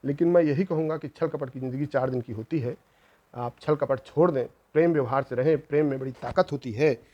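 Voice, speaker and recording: A man's voice: mid-range voice, a little fast, lo-fi sound. A middle-aged man, host of his channel, earnestly telling a true family story in a reproachful, moralizing way, repeating phrases for emphasis.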